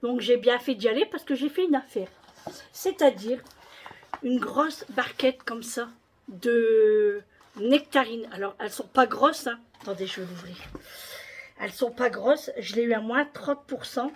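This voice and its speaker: A woman's voice: fairly high pitch, a little slow, slight background noise. A woman vlogger chatting casually about her shopping haul, with many hesitations and repeated words.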